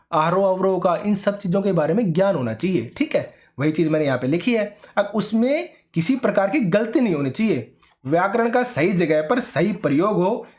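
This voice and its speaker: A man's voice: sits high, a little mellow. A man teaching an online exam-prep lecture, explaining step by step and often checking in with his students.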